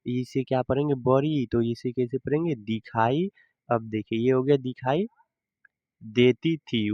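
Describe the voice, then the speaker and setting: A man teaching a reading lesson, slowly explaining each word and answering his own questions. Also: medium pitch, dark tone, no echo, muffled recording.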